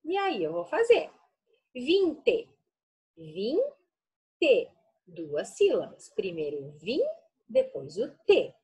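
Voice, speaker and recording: Sounding out words syllable by syllable, a woman teacher with a Brazilian Portuguese accent leads young children through an early-literacy lesson in slow, affectionate teacher talk. Her husky, darkish voice is a little high and swings hugely in pitch.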